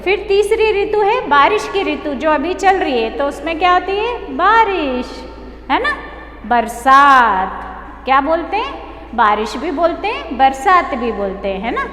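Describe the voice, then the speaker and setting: A woman, a primary school teacher, teaching a children's poem slowly and patiently in a sing-song way, often checking with a little question. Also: high voice, very animated, a bit bright, soft background music. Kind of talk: online class lesson, teaching a poem. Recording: echoey room with long reverb, faint hum.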